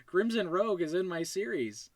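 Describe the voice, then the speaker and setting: Very animated and pitched high, a man who created and hosts an animated web series speaks at a moderate pace in a casual, off-the-cuff thank-you. Overjoyed and emotional, he gushes, stammers and lets sentences trail away, with no room sound at all.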